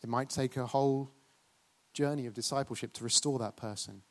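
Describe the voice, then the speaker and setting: A man's voice: mid-range voice, fairly even intonation, brisk. A man preaching a sermon, questioning and urging the congregation.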